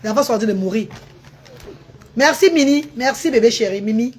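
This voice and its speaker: A woman's voice: fairly high pitch, lively intonation, fairly quick, slightly rough. A woman, ranting at commenters in a live stream, mocking and insulting them between updates about her charity restaurant. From Cameroon. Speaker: livestreamer running a charity restaurant. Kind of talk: live-stream rant and chat.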